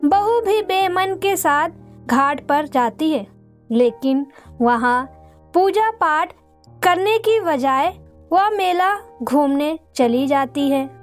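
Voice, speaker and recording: A woman narrating a devotional folk tale in a measured, dramatic reading. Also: high-pitched, lively intonation, faint music behind. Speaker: storyteller. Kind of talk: scripted narration of a devotional story.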